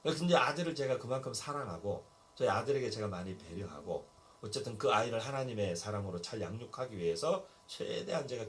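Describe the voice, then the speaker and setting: A man's voice: lowish voice, fairly bright tone. A middle-aged male pastor preaching a sermon, telling stories and acting out Bible dialogue. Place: church basement hall.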